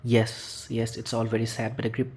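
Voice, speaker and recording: A man voicing a stern older female witch professor who speaks in an urgent, hushed way, in a storybook reading. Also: medium pitch, completely flat delivery, moderate pace, breathy edge.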